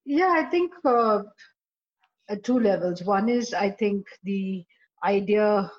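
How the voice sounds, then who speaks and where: A woman guest reflecting in conversation, haltingly explaining her ideas through examples. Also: medium pitch, no echo, highs cut off. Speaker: discussion guest.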